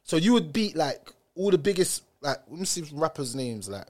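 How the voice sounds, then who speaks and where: A man's voice: fairly high pitch, big pitch swings, normal speed, darkish tone. A young man with a London roadman accent and street slang, giving a casual, opinionated rant as a commentator. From United Kingdom. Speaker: commentator reacting to viewer comments.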